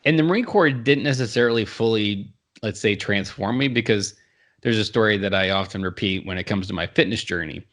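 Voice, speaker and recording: A man's voice: on the low side, fairly quick, fairly bright tone. A man in his thirties, a podcast guest, telling his story in an earnest, reflective way. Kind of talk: casual interview conversation.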